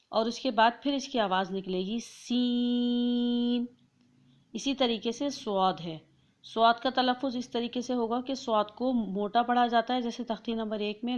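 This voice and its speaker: A woman teaches letter pronunciation in an instructional lesson. Her voice sits fairly high and she draws out each sound slowly so listeners can copy it. The recording sounds dull and lo-fi. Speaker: Quran reading teacher.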